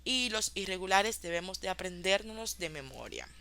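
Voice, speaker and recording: Bright-voiced woman teaching English. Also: medium pitch, lively intonation, vocal fry. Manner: explains in Spanish, slowly models English examples. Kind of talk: online class review.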